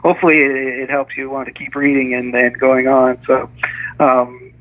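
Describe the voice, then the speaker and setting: Male author guest, halting speech full of restarts, heard through a narrow phone line. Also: medium pitch, flat delivery. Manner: hesitant, many restarts and small laughs. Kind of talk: casual interview chat.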